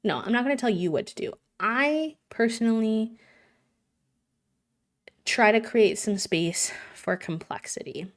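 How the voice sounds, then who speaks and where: A woman's voice: on the high side, lively intonation, a little slow. A woman livestreamer chatting earnestly with her viewers, talking casually with lots of "like"s. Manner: earnest, conversational, many "like"s. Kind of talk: casual live-stream chat.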